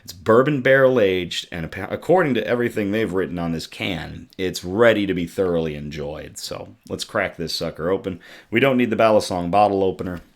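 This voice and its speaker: A deep, raspy, worn-out male voice moves briskly through a casual good-news livestream hosted from his home. He chats loosely with lots of ums and reads comments from viewers, all captured on a desktop USB microphone.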